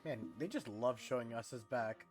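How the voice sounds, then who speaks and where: A man casually joking through a game stream with friends. His voice swings widely in pitch, and faint music plays behind. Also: lively intonation, normal speed. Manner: joking, laughs often.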